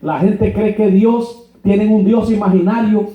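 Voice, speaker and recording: A man with a high voice delivers a sermon from the pulpit, colloquial and mocking as he acts out what others said. The church is echoey and the recording sounds dull and lo-fi. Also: fairly even intonation, a little slow. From Honduras. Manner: colloquial, mocking preacher who acts out quoted dialogue. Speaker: pastor. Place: church hall.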